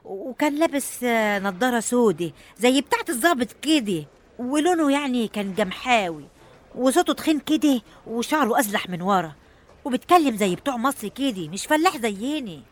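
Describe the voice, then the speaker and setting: A woman's voice: on the high side, expressive, fairly quick, close to an everyday voice. An actress playing an anxious, deferential village woman with a rural Egyptian accent, pleading and lamenting in a radio drama. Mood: hesitant recalling.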